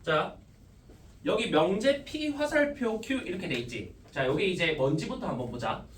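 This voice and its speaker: A man's voice: high-pitched, animated, a little slow. A male math teacher giving a classroom lecture, explaining step by step and opening nearly every phrase with a short "ja". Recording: echoey classroom, mic from a distance.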